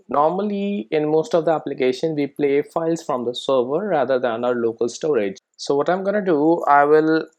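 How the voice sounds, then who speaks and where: A man with a mid-range, slightly mellow voice teaches code in an informal screencast. His explanations are conversational, and he checks in often with short tag questions like "right?" and "okay?"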